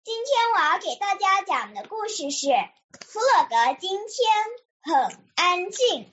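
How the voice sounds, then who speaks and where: A young girl with a high voice tells a children's story for a radio show. She reads earnestly and carefully, stumbling now and then. The recording sounds slightly muffled. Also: very animated, a little slow, a bit bright. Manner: earnest, careful read-aloud with small slips. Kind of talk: reading a children's story aloud. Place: radio program.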